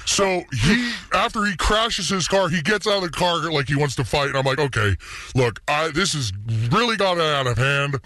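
A man's voice: fairly high pitch, animated, moderate pace, sharp tone, no echo. A man telling a story on a radio show as an anonymous guest, his voice altered with a voice changer. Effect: voice changer disguise.

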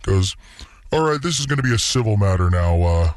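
A man's voice: lowish voice, lively intonation, a little fast, no room sound, studio quality. A man telling a story on a radio show as an anonymous guest, his voice altered with a voice changer. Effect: voice changer disguise.

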